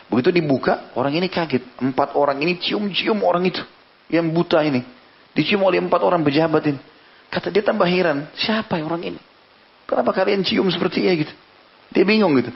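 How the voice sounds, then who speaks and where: A man preaching a sermon, telling a story and raising his voice for the people he quotes. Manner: animated storytelling, raising pitch for quoted speakers. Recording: dull lo-fi recording.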